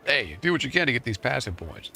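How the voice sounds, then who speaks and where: Guy streaming a game, reads patch notes then chats, bright forceful voice, jokey and a bit cocky. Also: medium pitch, creaky, a little hiss or hum. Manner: chatty, playfully boastful, talks to viewers. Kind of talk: live gameplay commentary and patch-note reading.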